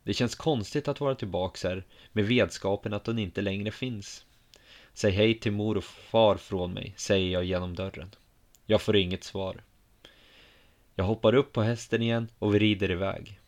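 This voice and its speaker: Low-voiced man narrating a story. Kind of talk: first-person story narration.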